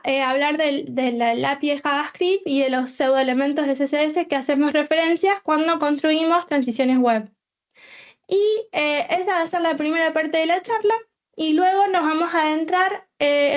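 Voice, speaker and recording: A woman's voice: high-pitched, muffled recording. A woman from Argentina with an Argentine Spanish accent, a full stack developer giving a tech talk, hesitant and full of filler sounds.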